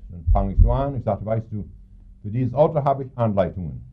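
A man's voice: fairly low pitch, brisk, breathy edge. Man preaching over a tinny line. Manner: storytelling, lively intonation with sudden emphatic rises. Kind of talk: sermon. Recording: tinny phone-like sound.

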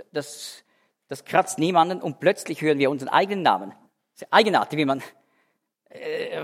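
A man teaching through a Bible passage as a preacher, swinging between emphatic raised phrases and hushed, slow endings. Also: a little high. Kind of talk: verse-by-verse Bible teaching sermon. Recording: long hall reverb.

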